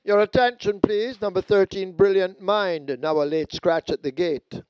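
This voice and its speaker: A man in his twenties with a Jamaican accent, a racecourse announcer making an official announcement after a chime. He speaks loudly and firmly, drawing the horse's name out slowly. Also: high voice, smooth, dry recording. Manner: loud, measured and emphatic, stretching names out slowly. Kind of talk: track announcement. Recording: dull lo-fi broadcast sound.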